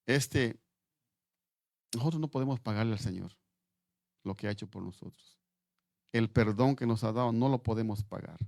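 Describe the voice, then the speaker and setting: A man preaching a sermon in Spanish, halting and repeating words as he reads scripture aloud. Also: lowish voice, vocal fry, a little mellow, no echo, clean studio sound.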